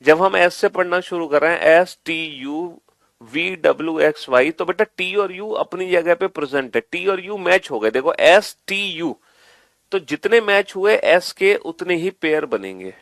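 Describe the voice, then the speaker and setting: Higher-pitched male teacher, dry sound. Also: lively intonation, fairly bright tone, no room sound. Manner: answers his own questions in the students' voice, addresses them as beta; spells out letters slowly, repeating each step. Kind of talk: exam-prep reasoning lesson.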